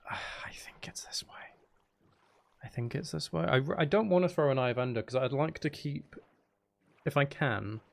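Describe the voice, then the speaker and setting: A man hosts a casual gaming livestream, chatting in a playful, teasing, rambling way. His mid-range voice is creaky, and he sounds a little tired.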